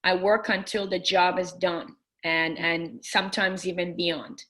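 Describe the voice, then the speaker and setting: A middle-aged business coach from a Persian family talks earnestly in a casual interview, restarting often and using lots of fillers. Her fairly low voice barely moves in pitch, runs a little slow, and sounds a bit bright.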